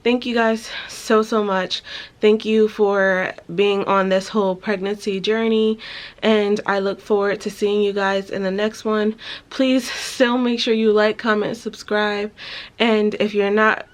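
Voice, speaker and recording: A woman's voice: medium pitch, flat delivery, unhurried. A woman vlogger wrapping up her video in a casual, chatty way, thanking her viewers over and over. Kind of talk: casual vlog outro.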